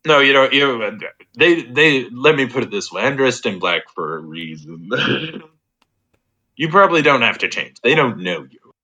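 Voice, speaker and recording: A man playing a tabletop role-playing game in casual chat, halting and thinking aloud as he goes. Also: medium pitch, animated, sharp tone, dull audio. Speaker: tabletop RPG player.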